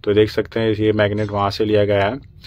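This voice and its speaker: Holding his phone, a young cruise ship crew member from India gives a relaxed vlog tour of his tiny cabin and bathroom, pointing out each feature in turn. He speaks briskly in a lowish, monotone voice.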